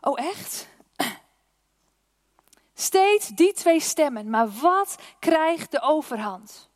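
A woman with a high voice delivers a sermon at a slow, deliberate pace. She leans on key words and sometimes drops into a hushed, anxious tone to act out doubts. The recording is dry, with no room echo. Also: very animated. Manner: acts out an anxious inner voice in a hushed tone. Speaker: preacher; church prayer and worship team member.

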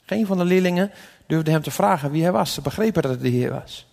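Gravelly high-voiced male preacher. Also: animated, fast talker, big-room sound. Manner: dramatic reading, swinging from loud to hushed. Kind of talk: sermon with Bible reading.

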